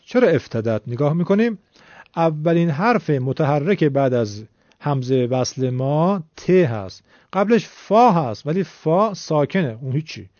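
Man, teacher, fairly high voice, patient, reassuring, step-by-step explanation, dry lo-fi recording. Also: sing-song, a little mellow, dry recording. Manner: patient, reassuring, repeats key rules. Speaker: Quran reading teacher.

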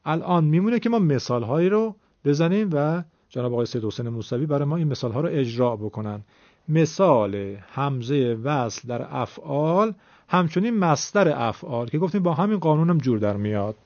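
A man's voice: a little high, animated, a little mellow, no echo. A man teaching Quran reading, explaining a rule step by step in a patient, reassuring way and repeating the key points. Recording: dull, dry lo-fi recording.

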